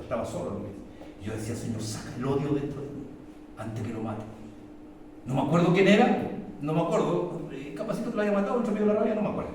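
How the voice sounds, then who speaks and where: Brief: middle-aged Chilean pastor, fervent sermon, booming then hushed, recorded from afar in a very echoey church hall. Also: male voice. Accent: Chilean Spanish. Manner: impassioned preaching that swings between loud emphatic peaks and low confiding testimony. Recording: echoey church hall, mic far off, faint noise.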